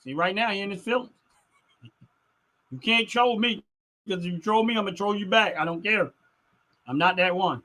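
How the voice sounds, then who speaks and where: Here the middle-aged host's voice sits high, bright and forceful, at a normal speed broken by long pauses. He responds to his chat casually, pushing strong opinions and repeating phrases for emphasis.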